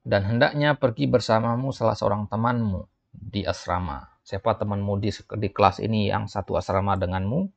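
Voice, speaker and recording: A man with a low, gravelly voice works through a lesson, lifting his tone to read each line slowly and then dropping into quieter asides to explain. The sound is dry and close, a little dull and muffled, with no room around it. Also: no echo. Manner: reads Arabic lines slowly, then translates and explains; lifts his voice when reading quotes, drops low for asides. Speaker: Arabic teacher. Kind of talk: explaining a textbook dialogue.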